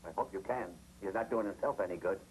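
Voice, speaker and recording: An American actor playing a gruff, exasperated older police inspector, blustery and sardonic, in a 1950s television crime drama. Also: male voice, sits low, fast, a little mellow, close to an everyday voice. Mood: weary, exasperated. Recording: noisy vintage 1950s TV soundtrack.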